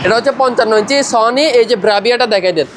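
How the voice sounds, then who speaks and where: A man from Bangladesh, a shopkeeper making a sales pitch in a roadside shop, with repetitive selling patter. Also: very fast, crowd noise. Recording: faint traffic noise. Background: traffic noise.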